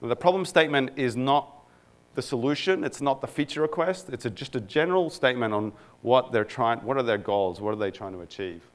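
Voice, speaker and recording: Brisk and medium-pitched, an Egyptian product manager talks casually at a conference in front of a live audience, using lots of fillers and poking fun at himself.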